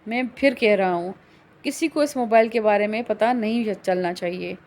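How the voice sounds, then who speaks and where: A woman's voice: mid-range voice, darkish tone, close to an everyday voice. A woman voicing a curt, domineering rich young man in an audiobook reading of a novel, speaking in a cold, dismissive, threatening way.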